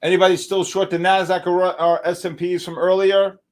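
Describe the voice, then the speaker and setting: A middle-aged man hosts a live trading stream, excitable as he jokes around and hypes up his viewers. His voice is high and his pace moderate.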